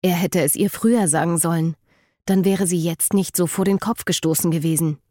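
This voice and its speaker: A woman narrating a novel in a steady, measured audiobook reading. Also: fairly low pitch, dry recording, studio quality. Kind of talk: scripted narration.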